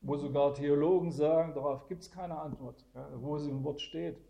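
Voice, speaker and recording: A man's voice: a little high, fairly even intonation, normal speed, gravelly, warm tone, a little hiss or hum. A man teaching the Bible to a small group, explaining verses one by one and often adding "gell?" to check that listeners follow. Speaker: preacher.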